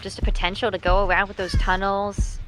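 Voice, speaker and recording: A woman's voice: mid-range voice, little pitch movement, fairly quick, noisy background. A woman co-casting an esports match live, chatty and wry, with teasing asides. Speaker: esports co-caster. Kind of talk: live game commentary.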